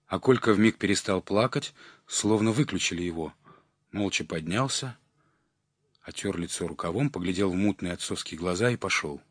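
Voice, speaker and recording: Casting: male audiobook narrator, low, measured and expressive, dry studio sound. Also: husky, no room sound.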